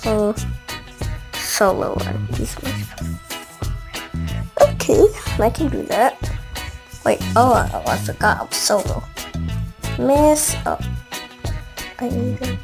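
A woman giving chatty, excitable commentary while playing a video game and talking back to it. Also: mid-range voice, takes it slowly, creaky, pauses often. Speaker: gameplay video creator. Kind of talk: casual gameplay commentary. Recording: loud game music behind the voice. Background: game music.

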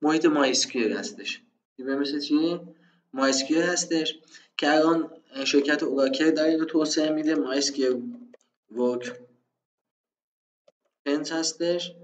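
A man's voice: fairly high pitch, steady tone, long pauses, muffled recording. Man teaching databases in an echoey room. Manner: conversational, rhetorical self-questions, frequent fillers. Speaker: programming instructor. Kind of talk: screen-recorded tutorial explanation.

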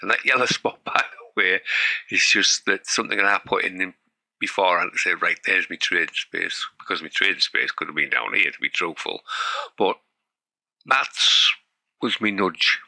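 A man's voice: low-pitched, normal speed, vocal fry, pushed and bright, no room sound, poor audio. A man with a Teesside accent talks casually through a practice trade on screen. He sounds a bit unsure and often stops to restart a sentence. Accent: Teesside English. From North East England. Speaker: hobby forex trader.

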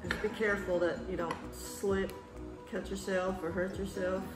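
A woman in her thirties casually showing a small repair at home while she works, pausing as she goes. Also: mid-range voice, reverberant, over music, poor audio. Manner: relaxed, talks while working with her hands, trailing pauses. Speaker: DIY vlogger. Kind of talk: casual how-to demonstration. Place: home kitchen, indoors. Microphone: camera mic across a counter.

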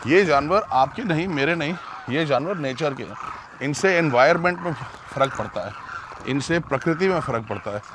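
A middle-aged man hosting a travel show outdoors, earnest and sometimes hushed, speaking on a lapel mic with bird calls and outdoor noise behind him. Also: fairly high pitch, animated, normal speed. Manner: earnest, hushed at times, moralizing. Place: outdoors at a desert bird site. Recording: outdoor noise, birds calling.

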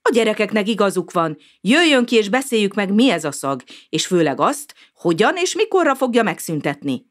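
A woman voicing a brisk, indignant animal father in a storybook, scolding quickly. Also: mid-range voice, very animated, voice pushed up, lightly acted. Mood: stern.

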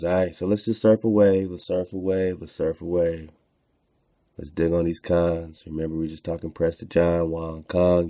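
A man with a low, warm voice casually hosts an unscripted online show, commenting as he browses on screen. He rambles, repeats phrases and leans on slangy filler.

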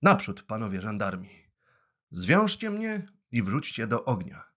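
A man voicing a little wooden puppet boy with a high, tearful, imploring voice. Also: very animated, a little slow, a bit bright, full character voice. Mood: heroic.

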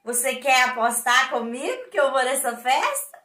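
A woman with a Brazilian accent voicing a cheeky, carefree little male frog in a children's story, in a soft, playful tone. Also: high-pitched, sing-song, moderate pace, distant mic, full character voice. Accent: Brazilian Portuguese. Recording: echoey room.

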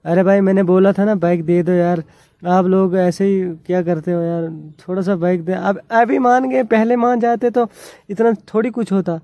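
A man's voice: high voice, flat delivery, moderate pace, dark tone, no room sound, muffled recording. A young man vlogging outdoors by the road, pushy and teasing as he pulls a prank on bikers. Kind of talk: casual prank vlog banter.

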